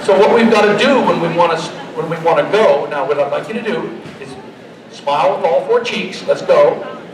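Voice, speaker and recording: A middle-aged man giving a live demonstration and pitch to an audience in a folksy, joking, motivational way, as a trainer. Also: moderate pace. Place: large indoor horse expo arena. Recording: echoey expo hall, distant, crowd noise. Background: crowd.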